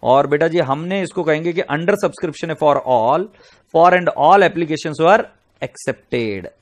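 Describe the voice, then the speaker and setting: Man, accounting teacher, fairly high voice, scolding, lecture. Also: slow pace. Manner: scolding, exasperated outbursts between problem explanations; addresses students as beta ji. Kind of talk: classroom lecture mixing Hindi and English.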